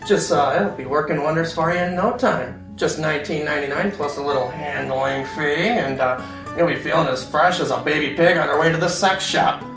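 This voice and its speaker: A man's voice: a little high, fairly quick, music in the background, natural voice. A man playing a sleazy gadget peddler in a comedy sketch, stammering through smarmy sales patter. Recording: roomy, distant mic.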